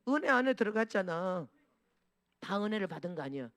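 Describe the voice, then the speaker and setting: Fast, high-voiced preaching man. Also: sing-song, fairly bright tone, dry recording. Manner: emphatic, repeats phrases and asks the congregation for responses. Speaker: pastor. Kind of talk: preaching a sermon.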